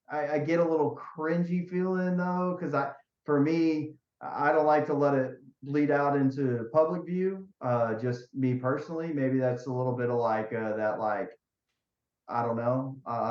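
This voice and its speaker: A man's voice: a little high, darkish tone. A man co-hosting a podcast in casual chat, blunt and rambling, often repeating himself. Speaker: podcast co-host. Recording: echoey, dull lo-fi room sound.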